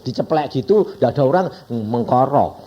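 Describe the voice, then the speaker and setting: Lively Javanese-accented preacher man. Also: mid-range voice, normal speed, highs cut off, background noise. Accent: Javanese-accented Indonesian. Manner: lively, conversational preaching with frequent questions to the congregation. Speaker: evangelist preacher. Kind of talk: sermon.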